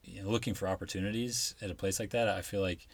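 A man's voice: low-pitched, steady tone, fast, slight background noise. A man in his thirties, a guest on a podcast, talking in a laid-back, joking, rambling way. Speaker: guest, former coworker. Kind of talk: casual interview chat.

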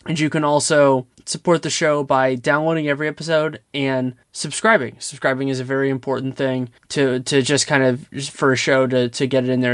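A man's voice: medium pitch, dry recording. Man as sports podcast host: conversational, mid-range voice, very dry recording. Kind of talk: casual basketball analysis and sign-off.

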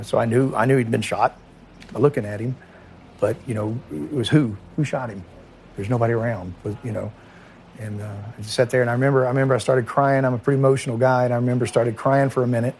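A middle-aged man, a former police chief recalling a painful night in a halting, emotional way, often repeating words and dropping his voice. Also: mid-range voice, vocal fry, a little hiss or hum. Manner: halting, repeats words, quiet and heavy at times. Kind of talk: emotional first-person recollection.

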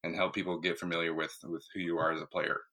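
A man's voice: low voice, little pitch movement, fast, pushed and bright. A man hosting a sports podcast interview, asking questions in an upbeat, friendly way.

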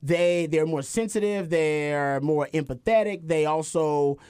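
A man hosting a sports podcast, commenting casually with emphatic repeats and halting restarts. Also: on the high side, a little mellow, smooth, dry recording, studio quality.

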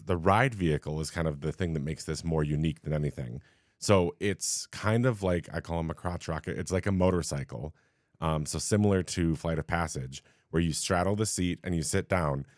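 A man's voice: low-pitched, no echo, clean studio sound. A man co-hosting a theme park podcast, explaining things at length with many "um"s and restarts. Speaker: podcast co-host. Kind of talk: casual chat.

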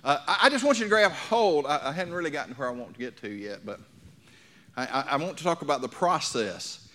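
On the high side and expressive, this man's voice is fairly quick with a sharp tone. A pastor in his sixties, he's preaching a folksy sermon to the congregation, full of anecdotes and questions for his audience.

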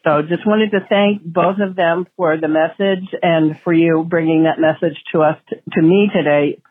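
A woman leaving an earnest, grateful voicemail message, with a few halting restarts, played back over a phone line. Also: fairly low pitch, fairly even intonation, husky, dry recording. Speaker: listener caller.

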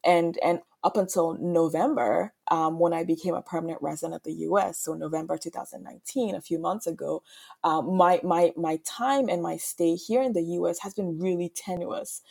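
A woman from Ghana speaks as a guest on a podcast interview, working through her answers thoughtfully. Her voice sits a little low and sounds warm and mellow. She often restarts her phrases and checks in with a quick "right?". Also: fairly even intonation, gravelly, husky. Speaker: author and guest.

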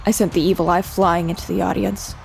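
A woman's voice: on the low side, fairly quick, creaky, soft background music. An actress playing a determined young woman who narrates her own ordeal in an audio drama and speaks with urgency in her scenes. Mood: calm narration. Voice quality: steady, earnest narration that turns urgent in dialogue. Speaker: first-person narrator and lead character.

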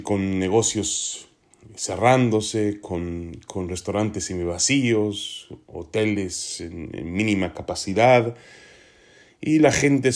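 Male sports commentator, fairly low register, serious opinion delivery, measured and emphatic. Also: a little mellow. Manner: earnest, deliberate, emphatic. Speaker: sports podcast host.

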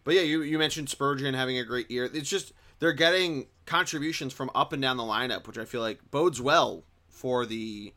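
A man with a bright, forward voice at a middle pitch hosts a relaxed sports podcast. He runs the rundown with lively energy and keeps tossing questions to his co-hosts. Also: moderate pace, hardly any pauses. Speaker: podcast co-host leading the segments. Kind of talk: casual sports podcast chat.

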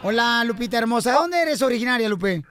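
A man's voice: very high-pitched, animated, fast talker, fairly bright tone, clean tone, no room sound, clean studio sound, faint music behind. A man hosting a radio show, playful and boisterous as he tells jokes. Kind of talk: lively radio joke telling.

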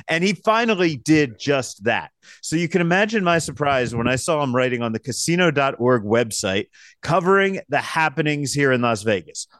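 A man's voice: mid-range voice, fairly bright tone, no echo. Blunt, profane podcast host man. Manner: blunt and profane, talks with fillers. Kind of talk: casual podcast chat.

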